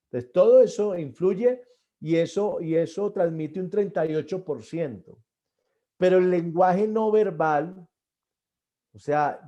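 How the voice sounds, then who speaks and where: Guy teaching a church drama class, kinda high voice but mellow, restarts words a lot. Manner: earnest, repeats and restarts words, stresses key points louder. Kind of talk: classroom lecture on stage performance.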